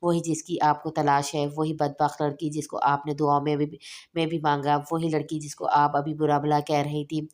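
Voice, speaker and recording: A woman reading aloud, voicing a grieving young man who speaks calmly and sadly. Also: low-pitched, normal speed, close to an everyday voice. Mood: sorrowful. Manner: calm, sorrowful speech.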